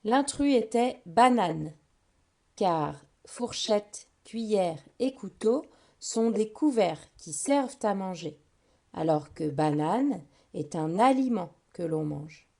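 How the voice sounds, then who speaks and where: A woman giving a phonics lesson to a child, saying each word slowly and clearly and speaking to the listener directly. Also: mid-range voice, lively intonation, dark tone. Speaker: teacher.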